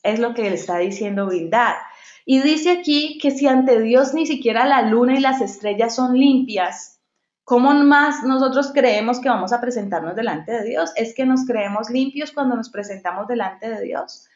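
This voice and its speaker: A woman's voice: on the high side, moderate pace, darkish tone. Woman, devotional Bible teacher, conversational storyteller; echoey, muffled recording. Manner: conversational, tells personal stories. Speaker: women's Bible study leader. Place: at home.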